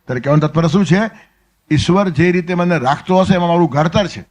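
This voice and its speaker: A man with a Gujarati accent gives a Gita discourse, telling stories and acting out the characters' lines, with sudden drops into soft asides. He speaks at a fairly high pitch and a quick pace.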